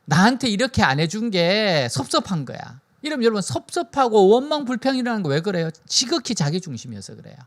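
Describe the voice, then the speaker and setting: A man preaching a sermon as a pastor, animated and full of rhetorical questions to his listeners. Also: sits high, brisk, hardly any pauses.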